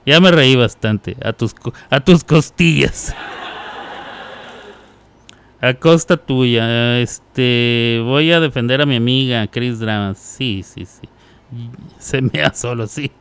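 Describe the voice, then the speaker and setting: A man's voice: mid-range voice, slow, a bit bright, clean tone. A man hosting a radio show, chatting casually, teasing listeners and laughing often. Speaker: radio host.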